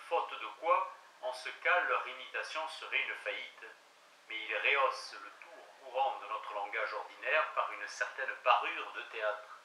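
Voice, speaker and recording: A man reads a classic treatise aloud in a measured, formal way. His voice is strikingly bright and sharp. It sounds echoey and set back from the microphone, as if captured in a roomy space. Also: mid-range voice, distant mic, a little hiss or hum. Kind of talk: reading a classic text aloud.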